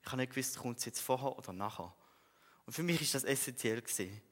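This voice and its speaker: A young man with a Swiss German accent giving an earnest church testimony, telling his story with soft chuckles and emphatic bursts. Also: mid-range voice, expressive, quick pace. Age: young adult. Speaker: speaker giving a personal testimony. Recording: long reverb of a large hall.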